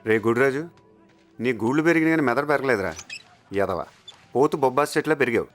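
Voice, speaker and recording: A man's voice: medium pitch, expressive, fast talker, faint music behind, lightly acted. An actor playing a man who mocks and scolds others, with a Telugu accent. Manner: mocking, scolding. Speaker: comic film character. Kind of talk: Telugu film comedy acting.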